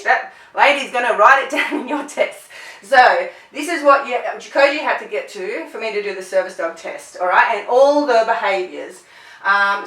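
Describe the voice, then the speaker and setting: A middle-aged woman teaching dog training in a conversational way, checking in with "right?" and acting out commands in sharp bursts. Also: fairly high pitch. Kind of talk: instructional talk to clients. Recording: roomy echo, voice from a distance.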